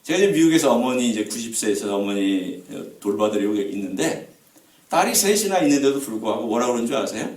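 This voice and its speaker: Lively Korean preacher in an echoey church. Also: male voice, medium pitch, a little fast. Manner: emphatic personal storytelling to a congregation. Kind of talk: revival-meeting sermon. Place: church sanctuary. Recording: echoey church hall, voice from a distance.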